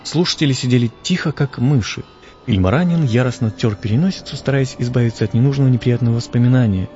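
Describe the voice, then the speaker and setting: A man reading an audiobook aloud in a measured, expressive way. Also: mid-range voice, slight background noise. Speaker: audiobook reader. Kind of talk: audiobook narration. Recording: dull lo-fi audio with music.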